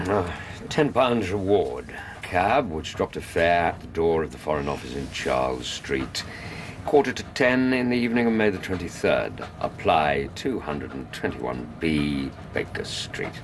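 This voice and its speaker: An actor playing a steady, loyal Victorian doctor in a radio drama, with an English accent and a gruff, understated manner. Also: male voice, very deep voice, unhurried, a little hiss or hum, full character voice. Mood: puzzled, thoughtful.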